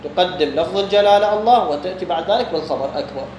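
Here the teacher talks rapid-fire in a high but darkish voice, with an Iraqi Arabic accent. He explains a religious jurisprudence text to students, questioning and then answering himself. A faint hum sits under the echoey room sound.

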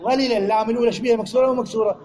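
A man's voice: extremely high pitch, fairly even intonation, racing, a crowd in the background. A man with an Iraqi Arabic accent teaching a grammar lesson to a class, drilling students with repeated questions. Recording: echoey room, class audible.

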